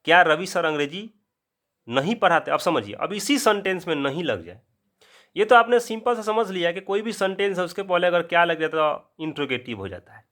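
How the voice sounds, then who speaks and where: A man with a Bihari accent giving an English grammar lesson in casual classroom style. He asks the viewer a question, answers it himself, and slows down to spell things out. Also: sits high, lively intonation, a bit bright. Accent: Bihari Hindi. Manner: drawn-out, spelled-out explanations. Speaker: English teacher.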